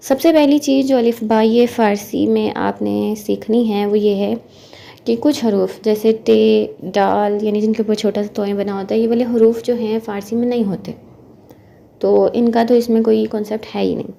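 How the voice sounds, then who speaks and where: A woman's voice: mid-range voice, fairly even intonation, normal speed, creaky, warm tone. A woman with an Urdu-speaking accent teaching an online language lesson, explaining sounds patiently step by step. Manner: patient, explains step by step, often checks with "theek hai".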